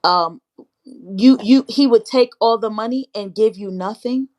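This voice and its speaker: A woman's voice: fairly high pitch, measured pace, a little mellow. A woman hosting a casual interview, asking probing questions and speaking to her viewers. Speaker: host interviewer.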